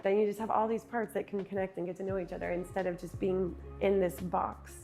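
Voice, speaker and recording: A woman speaking as an interview guest, reflecting earnestly on her work as a speaker and retreat host, sometimes speeding up and sometimes slowing down. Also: mid-range voice, level tone, a little mellow, soft background music. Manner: earnest, with quick and slow stretches, laughs easily.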